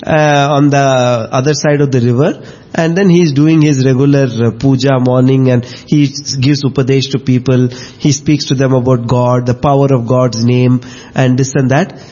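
A man with an Indian accent telling spiritual stories in an animated, conversational way as part of a discussion. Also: mid-range voice, normal speed, lo-fi sound. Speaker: discussion host retelling devotional stories.

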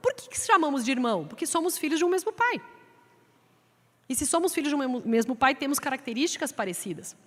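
A Brazilian woman with a fairly high voice delivers a sermon to her congregation. She keeps things lively and slips into other voices when she quotes people. Her words carry a long echo through the church. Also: fast talker. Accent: Brazilian Portuguese. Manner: lively, acts out quoted voices in a raised pitch. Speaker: preacher. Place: church sanctuary. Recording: long hall reverb from the church sanctuary.

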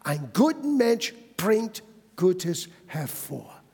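High, lively-voiced male preacher in a hall. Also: extremely slow, husky. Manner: emphatic preaching, addresses listeners directly. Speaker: pastor. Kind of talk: sermon.

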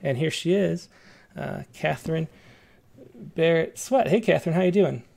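Creaky-voiced guy hosting a poetry chat, mellow, voice a bit on the high side. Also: moderate pace. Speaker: host of a poetry reading show. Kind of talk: casual hosting and interview with a guest.

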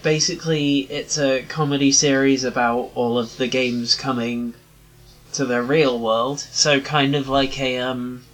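A man in his twenties, a podcast co-host in casual chat, rambling with many pauses and restarts. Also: mid-range voice, steady tone, a bit bright, faint music behind, rough recording.

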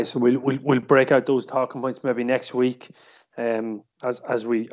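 An Irish man hosts a sports podcast in a mid-pitched voice. He talks casually and haltingly, doubling back on words, and the recording is a little dull. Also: a little mellow. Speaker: podcast host. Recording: slightly dull, muffled podcast audio.

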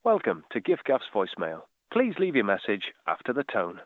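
Man, recorded voicemail prompt over a phone line, low voice, very sing-song, tinny and dry. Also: huge pitch swings, normal speed, no echo. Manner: formal, scripted prompt delivery. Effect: heard over a phone line. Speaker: voicemail greeting announcer. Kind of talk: recorded automated announcement.

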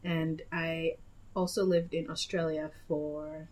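Young Nigerian woman, casual chat, lowish register, rambling and self-correcting. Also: level tone, slow, darkish tone. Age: young adult. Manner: chatty, meandering, with frequent self-corrections. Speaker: guest.

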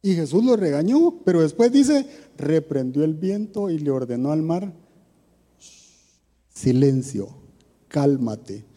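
Husky, dark-voiced man preaching in a hall. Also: fairly high pitch, expressive, normal speed. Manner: asks the audience rhetorical questions. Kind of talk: conversational sermon talk.

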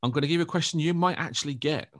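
A man's voice: on the high side, very fast. Playful, teasing man in quiz banter. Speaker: quiz contestant asking a question. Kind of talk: casual podcast quiz chat.

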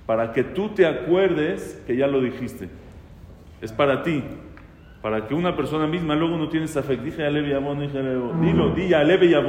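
A man's voice: fairly high pitch, darkish tone, a little hiss or hum. Man teaching in an echoey hall. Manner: conversational, asks questions, quotes Hebrew prayers aloud. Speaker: rabbi teaching a class. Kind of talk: casual halachic lesson. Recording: echoey hall with faint ambience.

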